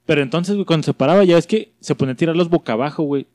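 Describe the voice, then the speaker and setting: A man's voice: fairly high pitch, rapid-fire, a little mellow, no echo, clean studio sound. A young man with a Mexican accent telling slangy stories in a casual chat, acting out the people he quotes. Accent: Mexican Spanish. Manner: slangy storytelling, acts out quoted voices.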